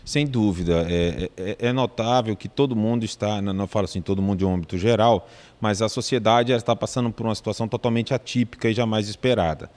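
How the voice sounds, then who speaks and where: A man's voice: lowish voice, darkish tone. Formal Brazilian man with reverberant sound. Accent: Brazilian Portuguese. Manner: measured, formal, with frequent restarts and fillers. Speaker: legal adviser. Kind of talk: formal legal explanation in an interview.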